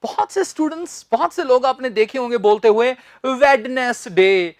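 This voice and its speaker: A man teaching spoken English, repeating words slowly and talking directly and informally to his students. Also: extremely high pitch, expressive, darkish tone, no room sound, studio quality. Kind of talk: pronunciation lesson.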